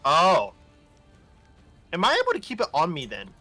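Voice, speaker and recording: A man's voice: fairly high pitch, huge pitch swings, moderate pace, pushed and bright, faint music behind. A man playing a tabletop game in a casual, playful and goofy way. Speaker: player.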